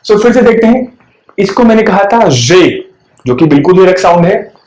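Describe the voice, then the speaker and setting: A man teaching the French alphabet letter by letter, patiently and slowly, mixing Hindi and English. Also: high-pitched, lively intonation, a little mellow, reverberant, rough recording. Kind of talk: language lesson explaining alphabet. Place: room with whiteboard.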